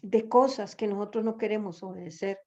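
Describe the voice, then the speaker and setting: A woman's voice: medium pitch, brisk, dark tone. A woman preaching a sermon, exhorting her listeners with rhetorical questions and repeated phrases. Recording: dull lo-fi recording.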